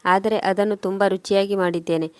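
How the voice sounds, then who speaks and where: A woman voicing a poor, loving mother who gently reassures her son in storytelling narration. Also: medium pitch, steady tone, brisk, dry recording, close to an everyday voice. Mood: tender.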